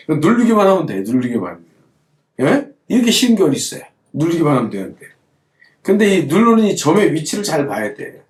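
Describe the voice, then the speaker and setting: In a reverberant space, a middle-aged man with a slightly high voice teaches calligraphy as he demonstrates. He repeats his points and poses rhetorical questions to his students during the hands-on lesson.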